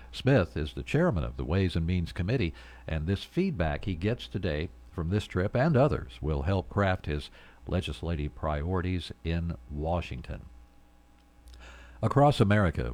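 A man's voice: sits low, a little mellow. A man hosting a local radio show and reading the news. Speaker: radio host and newsreader.

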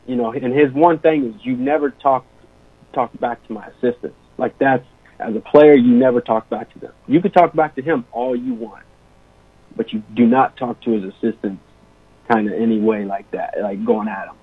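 Young guy coach rambling stories, husky, sounds like a phone call, dry. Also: medium pitch, moderate pace, no room sound. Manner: animated storyteller, many fillers. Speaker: assistant basketball coach, guest. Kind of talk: casual interview storytelling. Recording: tinny phone-line sound.

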